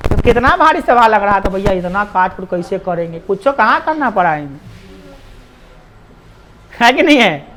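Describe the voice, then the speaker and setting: A man with a high voice teaches a maths class in a Bihari Hindi accent, very animated at a normal speed with frequent pauses, over a noisy background. He chats and teases with his students, slipping jokes in between steps of the lesson.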